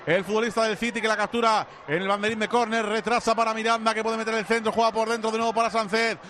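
A man giving live football commentary in rapid, flowing play-by-play. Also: sits high, level tone, sharp tone, slight background noise.

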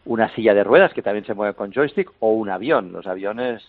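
A man calls in to a radio show, his fairly low voice squeezed through a narrow, dry phone line. He explains in long, meandering turns full of fillers and self-corrections. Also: expressive, a little fast, no room sound. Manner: explanatory, many fillers and restarts, chuckles now and then. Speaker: interview guest explaining a vehicle.

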